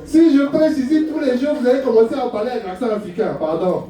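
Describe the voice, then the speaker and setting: A man's voice: very high voice, fast, a crowd in the background. A middle-aged man from France preaching a sermon as pastor, humorous and full of rhetorical questions. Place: church hall. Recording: very echoey hall, voice from far off.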